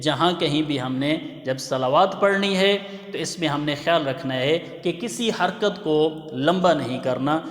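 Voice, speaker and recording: A man giving a religious pronunciation lesson, explaining patiently and chanting example phrases slowly. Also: a little high. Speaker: religious teacher. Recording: echoey hall with long reverb.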